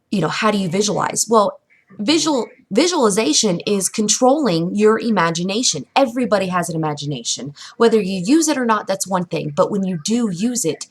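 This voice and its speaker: A woman vlogging from home at her computer desk, giving casual how-to tips in a rambling, chatty way with lots of fillers and restarts. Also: mid-range voice. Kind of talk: casual how-to talk to camera. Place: indoors at home. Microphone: camera mic at a computer desk.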